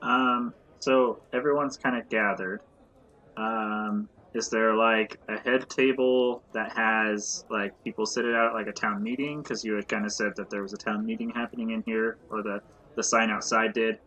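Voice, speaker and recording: Husky, hesitant male player. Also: fairly low pitch, fairly even intonation, normal speed, sharp tone, low-quality recording. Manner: hesitant, questioning. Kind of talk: casual tabletop play.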